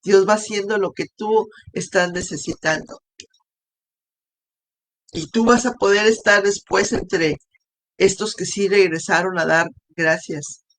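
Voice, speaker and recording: A woman's voice: mid-range voice, measured pace. A woman giving an earnest devotional talk as host, pressing her listeners with repeated rhetorical questions. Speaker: host and preacher.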